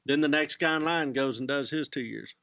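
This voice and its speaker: A man co-hosting a casual discussion, joking and talking in an animated way. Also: on the high side, fairly quick, no room sound. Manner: jokey, animated. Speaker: co-host.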